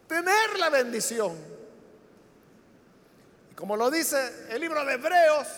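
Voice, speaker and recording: A man preaching a sermon, telling the story dramatically, acting out the characters and bursting into shouts. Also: extremely high pitch. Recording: long hall reverb.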